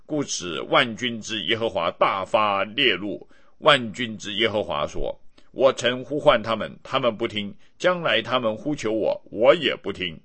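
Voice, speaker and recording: A man giving a steady, measured scripted reading of scripture. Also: on the low side. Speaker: Bible reader.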